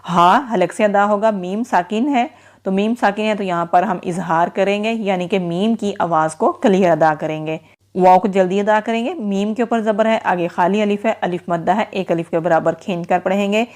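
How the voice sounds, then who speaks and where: A woman teaching recitation as a step-by-step lesson. She explains each rule in plain, steady speech and then chants the verse slowly and drawn out. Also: mid-range voice.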